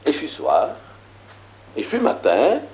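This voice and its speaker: Slow, animated man teaching scripture. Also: on the high side, roomy sound, dull audio. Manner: slow and emphatic, with many filler "hein"s. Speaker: Bible teacher. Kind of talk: lecture reading and explaining scripture.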